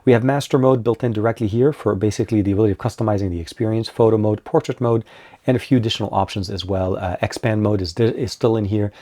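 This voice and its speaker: A man's voice: on the low side, steady tone, fast talker, warm tone. A man with a cold, giving an upbeat, informal tech product review and talking to viewers as you guys. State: getting over a cold.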